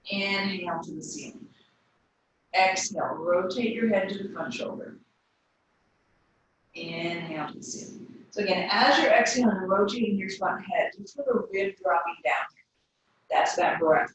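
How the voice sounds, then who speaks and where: Calm woman cueing yoga breaths. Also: mid-range voice, moderate pace, noisy background. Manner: calm cues timed to the breath. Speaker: yoga teacher. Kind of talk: guiding a yoga class. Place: yoga studio. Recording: echoey room, voice from a distance.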